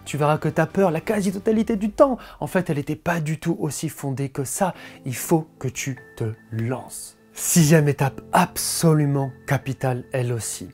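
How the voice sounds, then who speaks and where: A man's voice: fairly high pitch, moderate pace, darkish tone, soft background music. A man giving a motivational coaching talk, speaking emphatically and directly to the listener.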